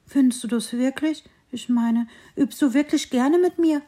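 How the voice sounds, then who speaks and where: Storybook: woman reads a small shy young fir tree, eager and high-pitched. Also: normal speed. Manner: bright, eager, high and lively. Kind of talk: storybook reading.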